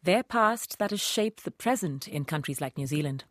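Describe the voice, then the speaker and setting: Low-voiced woman narrating a radio documentary. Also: lively intonation, moderate pace, no room sound. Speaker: radio reporter and host.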